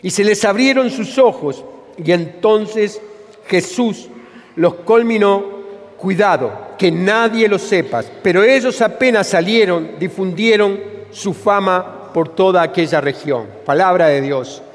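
A man's voice: high-pitched, unhurried. A man preaching a sermon with a Rioplatense Spanish accent, repeating phrases for emphasis. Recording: long reverb of a church hall.

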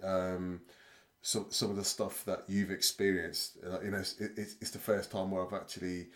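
A man's voice: low voice, little pitch movement, moderate pace. A man hosting a casual podcast chat, rambling and hesitant with many fillers and restarts. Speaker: podcast host.

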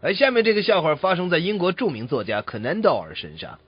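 A man playing the straight man in a comic crosstalk routine, stammering out quick reactions. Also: sits high, wildly swooping pitch, slight background noise. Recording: dull lo-fi recording, dry.

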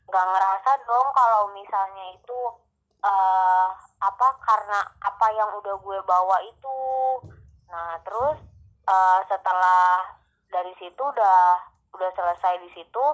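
A woman's voice: medium pitch, measured pace, rough recording. Chatty young woman telling a spooky story. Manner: animated storytelling with many fillers. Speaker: storyteller guest. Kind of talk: casual chat.

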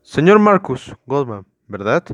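A man's voice: medium pitch, very animated, unhurried, fairly bright tone, dry recording. A man voicing a stern small-town police officer who questions a suspect in a firm, formal, commanding way.

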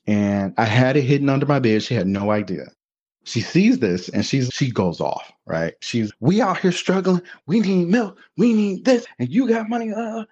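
A man telling his life story as a podcast guest, candid and animated, acting out other people's voices as he goes. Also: mid-range voice. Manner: animated, acts out voices in quotes. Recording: dull lo-fi sound.

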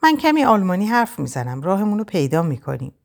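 A woman voicing a hushed, urgent young captive. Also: mid-range voice, big pitch swings, creaky. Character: desperate young Frenchwoman, captive, urging escape.

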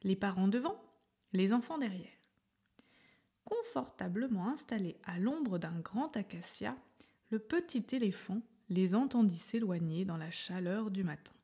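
A woman reading a children's story aloud in a soft, gentle way, often half-whispered. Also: medium pitch, animated, unhurried, slightly rough.

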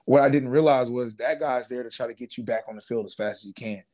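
A man's voice: medium pitch, fast talker. Laid-back young man telling his story. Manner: relaxed, casual slang, many fillers and restarts. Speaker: guest, former pro football player. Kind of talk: casual interview storytelling.

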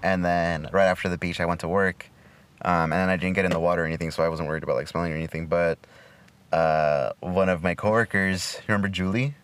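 A man in his twenties chatting casually as a podcast co-host, slangy and crude, with halting phrasing. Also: low voice, fairly even intonation, clear, resonant tone. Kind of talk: casual chat between friends, with swearing. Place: inside a car. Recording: noisy, recorded inside a car.

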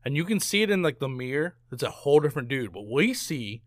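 Animated man in a lively movie review chat. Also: medium pitch, quick pace, no echo, studio quality. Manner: animated, incredulous, laughs a lot.

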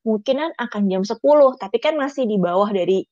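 A woman, a florist chatting casually as an interview guest, telling a story in a lively way. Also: fairly high pitch, brisk, dry recording. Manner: chatty storyteller, acts out quotes. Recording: dull, dry lo-fi recording.

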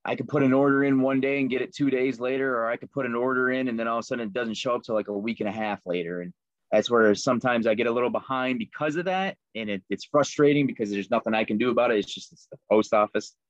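A lure-making guest from Liverpool, New York, talks quickly in a mid-range voice during a relaxed interview chat. He's easygoing and uses many ums and fillers. The audio is dull, with no echo.

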